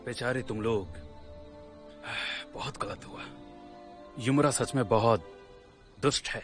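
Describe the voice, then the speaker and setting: An actor playing a former guardian spirit who mocks and scolds, often dropping to a hushed voice. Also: male voice, medium pitch, slow, soft background music, lightly acted. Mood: mocking. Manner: scolding and mocking, drops to hushed tones. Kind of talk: Hindi dub of a drama series.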